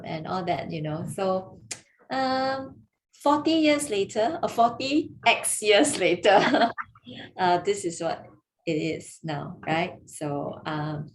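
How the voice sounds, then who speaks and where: Over a video call, a woman from Malaysia runs a relaxed gemology webinar, joking, teasing and laughing frequently. She speaks at a medium pitch, and there's a little background noise.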